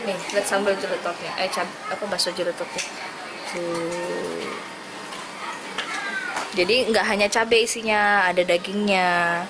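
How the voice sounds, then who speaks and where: A woman's voice: on the low side, steady tone, a little slow, pauses often, heavy background noise. A woman hosting a casual family vlog, prodding her guest with teasing questions. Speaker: vlog host, footballer's wife.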